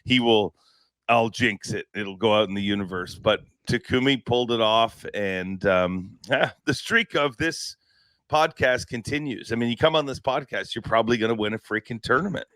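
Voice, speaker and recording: A man's voice: mid-range voice, moderate pace, a bit bright, no echo. A man hosting a podcast in casual chat, talkative, laughing easily and restarting his sentences. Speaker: podcast host.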